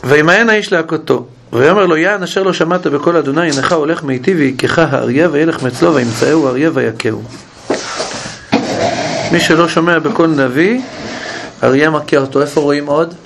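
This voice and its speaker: Gravelly high-voiced man teaching a class. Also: slight background noise. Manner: questioning, animated, with many restarts. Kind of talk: Bible study class.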